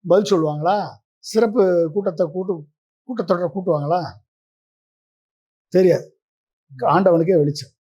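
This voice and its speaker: A man's voice: sits high, normal speed, pauses often, a little mellow, breathy edge. A man giving a political interview as the guest, pressing his case with a stream of combative rhetorical questions.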